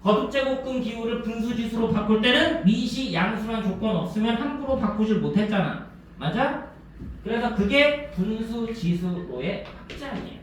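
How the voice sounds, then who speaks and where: A male teacher lectures a class, constantly firing short check questions at his students. His voice sits high for a man. He is caught from a distance in a strongly echoing classroom. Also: lively intonation, normal speed, slight background noise. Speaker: math teacher.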